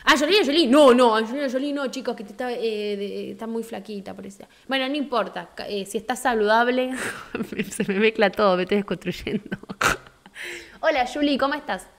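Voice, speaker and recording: A woman's voice: a little high, a little fast. A young woman with an Argentine Rioplatense accent, chatting frankly with viewers on a live stream and greeting them by name. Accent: Argentine Rioplatense Spanish. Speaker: livestream host. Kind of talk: casual live-stream chat.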